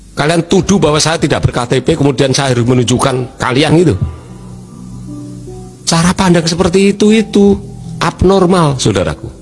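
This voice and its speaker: A man giving emphatic, moralizing commentary, swinging between raised and lowered delivery. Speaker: speaker commenting on a legal dispute. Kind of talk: lecturing commentary.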